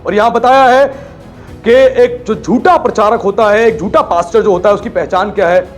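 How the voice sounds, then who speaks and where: High-voiced impassioned pastor. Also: male voice, moderate pace, faint music behind. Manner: impassioned preaching, mimics the people he describes. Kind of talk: sermon.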